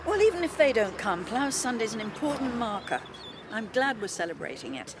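A woman's voice: fairly high pitch, very animated, brisk, noisy background. A woman playing a sensible, concerned countrywoman in a naturalistic radio soap, matter-of-fact in manner.

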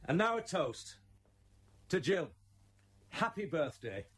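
A man's voice: a little high, slow. An actor playing a genial, courteous village man in a naturalistic radio soap. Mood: jovial. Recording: lively gathering chatter behind.

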